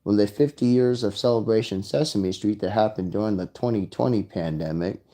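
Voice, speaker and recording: A man's voice: on the low side, fairly quick, mellow. A man talking in a rambling solo monologue, drifting between thoughts and slipping into quoted lines. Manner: rambling, breaks into sung lyrics and put-on quotes.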